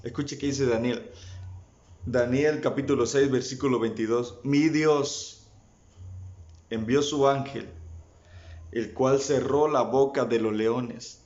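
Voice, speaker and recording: A man's voice: medium pitch, fairly even intonation, slow pace, pauses often, darkish tone. A man preaching a sermon, speaking straight to his listeners and rising in fervor. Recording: dull lo-fi sound.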